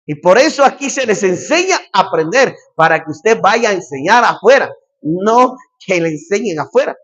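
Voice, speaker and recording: Male pastor, high voice, emphatic repetitive preaching, muffled lo-fi sound. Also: very animated, moderate pace. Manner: emphatic preaching, repeats phrases, shouts calls. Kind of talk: sermon.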